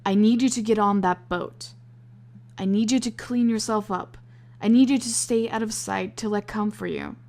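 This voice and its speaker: A woman reading aloud, voicing a protective young man who gives firm, steady instructions. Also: mid-range voice, normal speed, natural voice.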